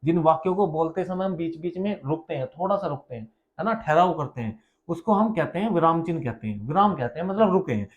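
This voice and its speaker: A male teacher gives an exam-prep grammar lesson, his voice set a little high. He asks and answers his own questions and repeats each key term. The recording sounds dull and lo-fi. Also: lively intonation, a little fast. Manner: explains with rhetorical questions, repeats key terms.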